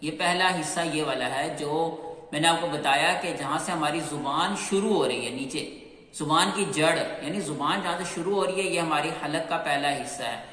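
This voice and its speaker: A man teaching Qur'anic letter pronunciation in a patient, step-by-step way, repeating sounds and slowly drawing out each letter. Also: a little high, fairly bright tone. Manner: slow, clear, repeats sounds and drawn-out chanted letters. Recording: echoey room with long reverb.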